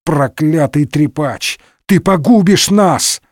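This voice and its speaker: A man voicing an excitable young male musketeer who exclaims in a raised, higher voice. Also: normal speed, no room sound, clean studio sound. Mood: despairing. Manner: exclaiming, high-pitched.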